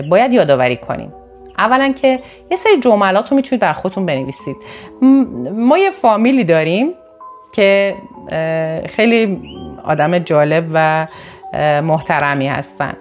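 A woman from northern Iran gives a motivational talk, her voice sitting a little low for a woman. She swings up sharply in pitch to stress her points and often backtracks to rephrase. Soft music plays faintly underneath. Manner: animated, with sudden emphatic rises in pitch; repeats and corrects herself mid-sentence. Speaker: motivational speaker. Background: faint background music.

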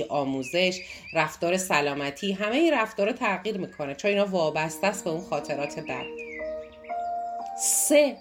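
A woman teaches a self-help course with lively energy, often asking a question and answering it herself. Her voice sits a little low, and clear background music plays beneath it throughout. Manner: animated, asks and answers own questions. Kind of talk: motivational lesson talk.

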